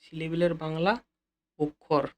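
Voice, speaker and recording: A man's voice: a little high, level tone. Repetitive Bengali-accented male teacher. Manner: repeats key phrases slowly, addresses students directly. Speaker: English teacher. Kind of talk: classroom-style lesson explanation.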